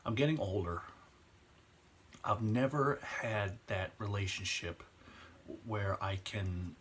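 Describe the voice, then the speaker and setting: Man, late twenties, earnest, emotional, fairly deep voice, faint background noise. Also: fairly bright tone. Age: 20s. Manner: earnest, emotional, slows down on heavy points. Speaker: vlogger. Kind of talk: impassioned personal vlog rant.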